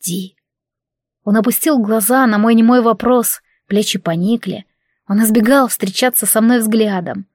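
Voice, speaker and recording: A woman reading a first-person romance audiobook in an emotive, measured way. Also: on the high side, fairly even intonation, darkish tone, no echo, clean studio sound. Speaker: audiobook narrator.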